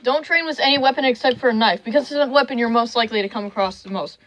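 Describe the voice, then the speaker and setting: A young girl chatting with friends on a homemade podcast, quick to correct and explain. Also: on the high side, a bit bright, a little hiss or hum. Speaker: podcast co-host. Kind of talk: casual chat among friends.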